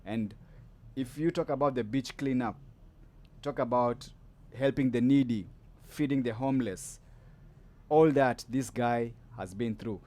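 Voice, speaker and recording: A podcast host chats casually with a guest in a loose, rambling interview full of fillers and restarts. His dark-toned, medium-pitched voice moves at a measured pace with long pauses.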